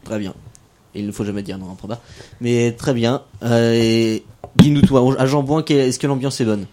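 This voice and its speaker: A man hosting a casual local radio show, playful and self-mocking, gently drawing out the young guests. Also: mid-range voice, steady tone, moderate pace. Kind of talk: casual radio chat with children.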